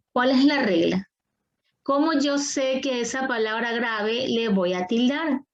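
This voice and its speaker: A woman's voice: on the high side, lo-fi sound. A woman teaching an online class, patient and coaxing, repeating her questions to the students over a video call.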